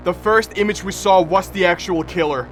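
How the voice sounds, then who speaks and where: Here a man with a high-sitting voice and moderate pace livestreams horror video reactions, reading text out and remarking dramatically while often repeating himself. Background music plays.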